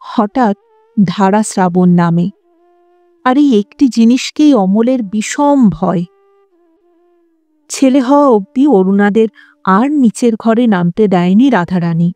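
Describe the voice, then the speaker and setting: A woman narrating a literary story as an audiobook in a measured storytelling manner. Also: medium pitch, expressive, mellow, dry recording.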